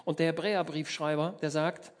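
A German man preaching a sermon, telling the story in a lively way, acting out the people in it and often asking his listeners for agreement. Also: on the high side, a little fast. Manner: lively storytelling, acts out voices, asks the listeners questions.

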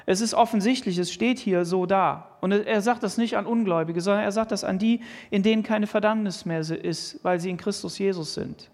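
A man's voice: sits high, normal speed, hardly any pauses, a little mellow. A man preaching a sermon, earnestly reading and explaining Bible verses and asking pointed questions. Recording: long hall reverb.

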